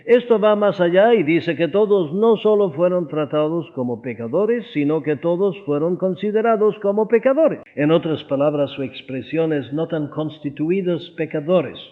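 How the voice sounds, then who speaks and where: A man's voice: on the high side, lively intonation, normal speed, few pauses. A man reading a sermon aloud in an earnest, explanatory way, stressing key words. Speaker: audiobook reader of a sermon. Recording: tinny phone-like audio.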